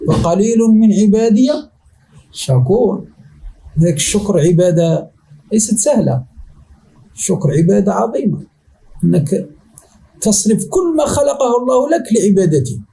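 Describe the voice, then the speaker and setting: A sheikh teaching a rhetoric text in class, repeating definitions slowly and often asking whether students have understood. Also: male voice, sits high, creaky, warm tone, rough recording. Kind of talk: classroom lesson explaining a text.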